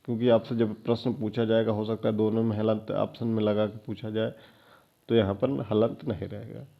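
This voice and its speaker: A man's voice: fairly low pitch, flat delivery, fairly quick, gravelly. A male teacher going through exam questions, repeating each answer word several times and checking in with a rising "ठीक है" after each point. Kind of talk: exam-prep lecture. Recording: dull lo-fi lecture recording.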